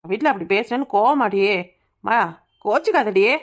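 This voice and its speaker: A woman's voice: mid-range voice, expressive, normal speed, close to an everyday voice. A woman voicing a village woman in a cartoon comedy, who coaxes a sulking friend. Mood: coaxing. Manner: coaxing, explaining.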